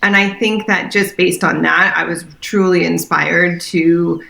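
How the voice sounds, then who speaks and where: Bright-voiced woman in a roomy echo. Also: lowish voice, steady tone, measured pace, vocal fry. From France. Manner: earnest and enthusiastic, with many fillers. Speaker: interior designer, podcast guest. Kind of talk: casual interview chat.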